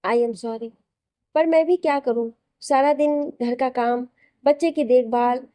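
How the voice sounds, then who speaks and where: A woman's voice: high-pitched, steady tone, slow pace, dark tone, no echo. Woman voicing a weary, harried young mother. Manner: weary, exasperated.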